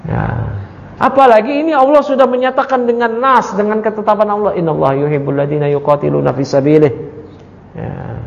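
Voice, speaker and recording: A man's voice: high-pitched, brisk, vocal fry. A man teaching an Islamic study class. He recites Arabic lines and then explains them, and he often asks the audience rhetorical questions and jokes with them. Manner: casual with playful jokes. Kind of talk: religious study lecture. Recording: dull, echoey lecture hall recording.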